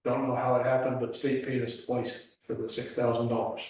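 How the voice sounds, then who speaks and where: A man giving a club treasurer's and trail report at a meeting, reading figures slowly with many fillers. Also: mid-range voice, monotone, a little mellow. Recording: echoey room, mic far off.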